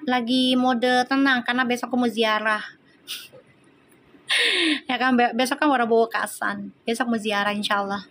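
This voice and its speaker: A woman's voice: on the high side, fairly even intonation, normal speed, pauses often, fairly bright tone. A middle-aged woman hosting a casual livestream, chatty, reading out viewer comments and calling them sweetheart. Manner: chatty, addresses viewers as sayang, sprinkled with religious phrases. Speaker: tarot livestream host.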